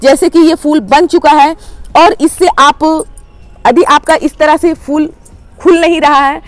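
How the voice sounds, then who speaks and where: Woman, high voice, plain instructional host explaining garden care to viewers. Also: fairly even intonation, a little slow, dry recording. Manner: plain step-by-step explaining, addresses viewers as friends. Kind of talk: instructional how-to talk.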